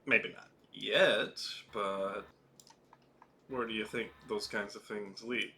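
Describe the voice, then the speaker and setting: A man voicing a doting older brother who gently teases his younger sibling in a tabletop game. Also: on the low side, fairly even intonation, takes it slowly, slight background noise. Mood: teasing. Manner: wry, gently teasing. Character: teasing older brother, male, adult, doting.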